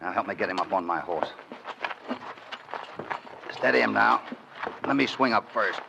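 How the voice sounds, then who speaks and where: Hopalong Cassidy: a deep-voiced calm cowboy hero. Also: male voice, normal speed, vocal fry. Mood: firm. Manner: calm, firm, authoritative. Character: steady heroic male cowboy, calm and commanding. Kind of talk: 1940s radio acting. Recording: hissy lo-fi vintage radio recording.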